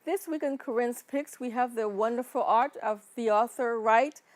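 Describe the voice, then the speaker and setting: High-voiced woman hosting an interview. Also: moderate pace, no room sound, soft background music. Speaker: show host. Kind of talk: hosted interview.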